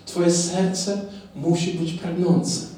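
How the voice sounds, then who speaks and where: A man's voice: high voice, little pitch movement, extremely slow, warm tone, a little hiss or hum. A man preaching a sermon to his congregation, putting rhetorical questions to them and drawing their responses. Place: church hall. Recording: very echoey, from far off.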